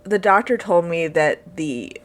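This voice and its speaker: A woman co-hosting a podcast in casual chat, sleepy and just woken up, relaxed and laughing with some casual swearing. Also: on the low side, unhurried. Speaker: podcast co-host.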